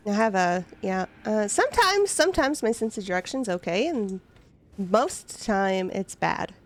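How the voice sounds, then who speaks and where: A woman's voice: mid-range voice, animated, measured pace. A young woman streaming a game, chatting casually and giggling to herself as she plays. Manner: giggly, chatty, talks to herself while playing. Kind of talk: casual gameplay commentary.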